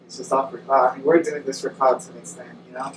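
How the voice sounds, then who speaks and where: A man's voice: medium pitch, little pitch movement, quick pace. A man chatting casually with slang and swearing while suffering from the burn of very spicy food. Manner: suffering from eating a very hot spicy chip, watery eyes and burning stomach. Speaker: podcast co-host. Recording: distant mic, echoey noisy room.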